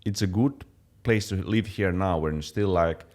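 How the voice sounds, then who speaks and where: A young man from Finland chatting casually as a fitness channel co-host, relaxed, with many fillers and restarts. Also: low voice, a little slow. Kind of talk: casual chat.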